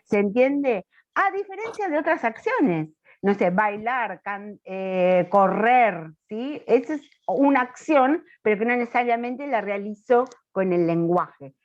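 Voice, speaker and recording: Lady teaching online, slow, keeps checking if we get it, muffled call audio. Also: on the high side, expressive, darkish tone. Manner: slow, questioning, checks understanding often. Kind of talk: online class lecture. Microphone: video call. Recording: dull lo-fi video call audio.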